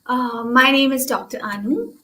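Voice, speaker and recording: A woman's voice: sits high, moderate pace, sharp tone, echoey room, low-quality recording. A woman from India, an author and coach, speaking hesitantly with many fillers. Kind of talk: interview.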